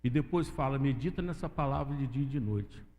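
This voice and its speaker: A Brazilian man with a mid-range, darkish voice gives an expressive, brisk preaching testimony. Addressing listeners again and again as "querido," meaning "dear," he speaks in a church sanctuary where the recording picks up long hall reverb.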